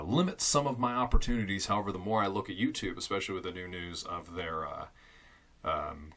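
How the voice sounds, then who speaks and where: Here the same kind of setup: a low-voiced young man in a foam-lined closet, speaking loudly into a fixed studio condenser mic on a stand while trying out his home studio. He's chatty and amused with himself, stumbling through fillers, restarts and side comments.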